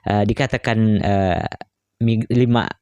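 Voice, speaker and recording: Low, mellow man musing aloud. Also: unhurried, no echo, clean studio sound. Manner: keeps adding "guys, ya" tags and fillers; musing, hesitant. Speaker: reaction video host. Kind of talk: casual reaction commentary.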